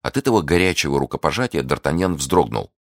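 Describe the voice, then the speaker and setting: A man narrating a classic novel as an audiobook in an expressive storytelling manner. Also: very deep voice, fast talker, dry recording, clean studio sound.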